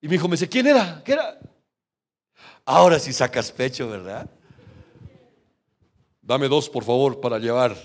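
A man preaching a sermon as pastor in a church, telling a family story with lively back-and-forth voices and calling his listeners brother. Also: medium pitch, normal speed, pauses often. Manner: animated storytelling, often calling the congregation brother.

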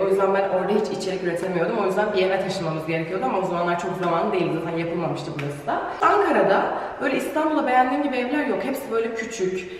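Young woman vlogger in a bare flat with a cave-like echo, voice booming off the walls, set back from the mic. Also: distant mic, slight background noise. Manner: chatty, talks while walking through rooms. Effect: heavy cave-like echo of an empty house. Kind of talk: casual home tour chat. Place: large empty apartment indoors.

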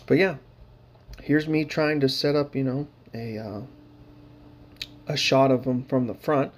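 A man's voice: medium pitch, steady tone, a little slow. A man casually narrating his hobby painting footage, rambling with lots of fillers and dry, sarcastic humor.

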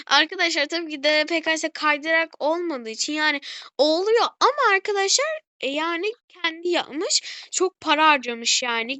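A high, bright female voice giving casual gameplay commentary, heard dry and close with no room around it. She is excitable, keeps turning to her viewers, and gushes over every little detail she finds. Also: no echo. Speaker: gaming channel host.

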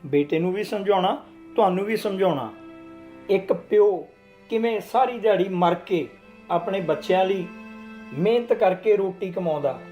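A man playing a calm, lecturing family friend. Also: high voice, lightly acted. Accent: Punjabi.

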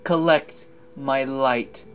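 A man voicing an ancient spirit of light, reading its lines in a drawn-out, ceremonial way. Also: medium pitch, fairly bright tone, faint music behind, voice pushed up. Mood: solemn. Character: solemn ancient light spirit, slow and grand.

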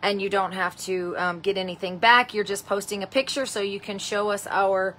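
A woman's voice: mid-range voice, steady tone, normal speed, a bit bright, slight background noise. A woman hosting a live stamping tutorial, chatting with viewers, greeting them by name and calling them honey and sweetheart. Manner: rambling, with many ums and restarts. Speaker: host of a live craft stamping show.

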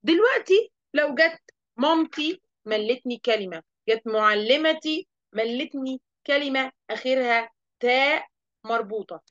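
A woman with an Egyptian accent teaching an online lesson to young children, lively and asking the class questions she then answers. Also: high-pitched, measured pace, muffled recording. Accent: Egyptian Arabic. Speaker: primary school teacher.

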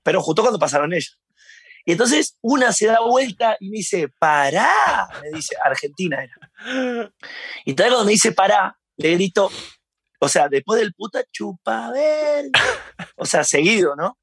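A man with a Uruguayan Spanish accent telling stories in a casual interview, animated and laughing often. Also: high-pitched, normal speed, husky, no echo. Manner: animated storyteller, laughs often, acts out shouts. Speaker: interview guest.

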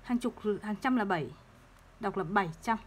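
A woman teaching third-grade math, explaining place values slowly and patiently and repeating each number. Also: medium pitch, lively intonation. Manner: slow, patient, repeats numbers to drill them.

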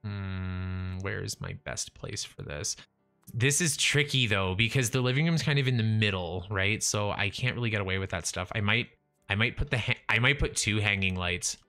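A young gamer's fairly low voice comes through bright and forceful at a normal speed, with soft background music, as he livestreams a building game from a small room at home. He talks to himself and chat into a studio mic in front of his face, restarting and trailing off. He remarks that he's losing his voice.

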